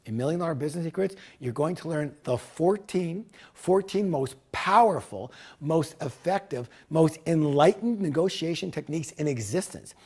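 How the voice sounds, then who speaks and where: Animated, emphatic man giving a sales pitch. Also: normal speed, few pauses, breathy edge. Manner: emphatic, animated salesman, repeats key words for punch. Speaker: seminar speaker selling a business course.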